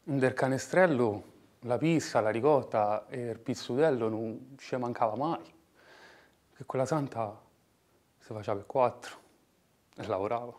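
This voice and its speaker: A man acting an anguished working-class son in a dramatic monologue, with a Roman dialect accent, moving between hushed murmurs and impassioned outbursts. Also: medium pitch, unhurried, pauses often, natural voice. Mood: wistful. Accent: Roman (old Romanesco dialect). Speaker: actor.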